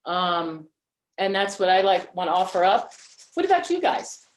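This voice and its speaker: A woman's voice: lowish voice, sing-song. Chatty woman hosting a video call. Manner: chatty, halting, with many fillers. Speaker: event host. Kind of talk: casual talk on a video call. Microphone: video call mic.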